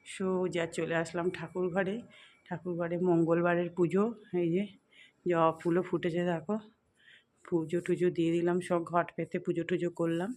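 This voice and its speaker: A woman narrating a home cooking vlog as a voice-over, speaking softly and slowly, tired and weak, with chatty asides to her viewers. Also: lowish voice. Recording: echoey room, faint background noise.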